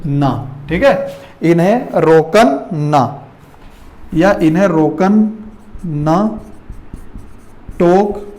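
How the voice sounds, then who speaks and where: A man with a high-pitched voice teaches a classroom lesson. He keeps firing questions at his students, calling them "beta", and answers them himself, with a steady "theek hai" between points. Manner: checks in with "theek hai" throughout.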